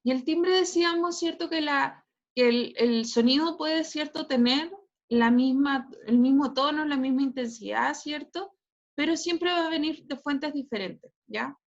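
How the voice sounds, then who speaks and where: High-voiced Chilean woman teaching physics. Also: unhurried, muffled recording. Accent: Chilean Spanish. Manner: repeats "¿cierto?" and "¿ya?" as checks. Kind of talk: online class lecture.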